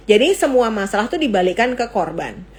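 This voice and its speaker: A middle-aged woman psychiatrist chatting on a live stream in a fairly high voice. She explains things casually, jokes around and laughs often. Her delivery swings between excited bursts and quiet low asides. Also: a little fast. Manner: playful, laughs often, jokes in mock foreign gibberish. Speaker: psychiatrist hosting a live mental health talk. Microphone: phone or laptop mic for an Instagram live.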